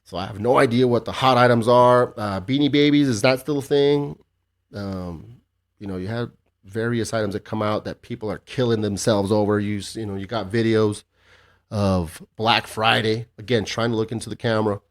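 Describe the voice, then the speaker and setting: A man's voice: fairly low pitch, steady tone, normal speed. A man hosting a casual solo podcast, rambling and joking with heavy swearing and a sarcastic edge. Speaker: podcast host.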